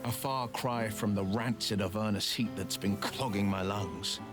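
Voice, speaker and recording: A man's voice: fairly low pitch, fairly even intonation, moderate pace, lightly acted. An actor playing a devoted male hero companion in a game, speaking tenderly and reflectively. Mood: warm. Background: music.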